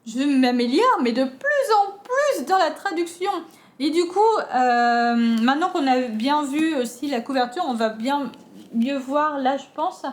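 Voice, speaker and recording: A woman's voice: high voice, animated, a little slow. A French woman chatting casually as a book vlogger, unboxing with many fillers and restarts.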